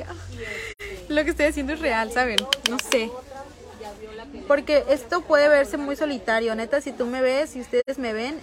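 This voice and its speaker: Bubbly high-voiced Mexican woman. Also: a bit bright. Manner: bubbly, effusive, chatty with fans. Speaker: makeup streamer. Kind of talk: casual live-stream chat. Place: small table in a corner of a public venue.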